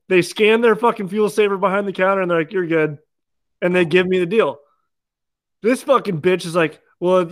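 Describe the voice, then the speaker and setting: A man with a notably high voice tells animated, swear-filled stories as a podcast co-host. His talk is loose and conversational. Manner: animated, profane storytelling. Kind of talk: casual podcast chat.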